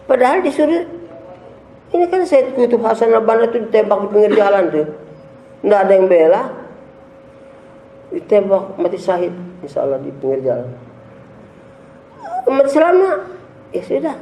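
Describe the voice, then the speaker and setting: A man preaching emphatically, high mellow voice. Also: slight background noise. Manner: emphatic, rhetorical questions, mocking asides. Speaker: religious leader giving a talk. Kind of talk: preaching sermon. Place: large gathering hall. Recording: echoey room.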